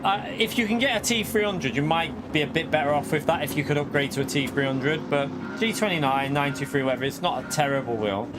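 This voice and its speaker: A man's voice: on the high side, fast, hardly any pauses, noisy background. A British man in his forties who streams a racing game, chatting casually and bantering with laughter. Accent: British English. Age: 40s. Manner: jokey, laughs often, banters with his partner. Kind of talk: casual live-stream chat.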